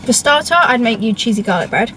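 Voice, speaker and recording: A woman's voice: on the high side, expressive, fast talker, background noise. A young woman chatting informally as a host over a meal, often saying "like". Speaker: YouTube host reading out questions. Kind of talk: casual chat over a meal.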